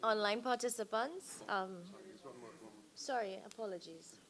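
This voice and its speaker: A woman's voice: mid-range voice, a little slow, fairly bright tone. A woman moderating a meeting and calling on participants in an informal way. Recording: faint room ambience.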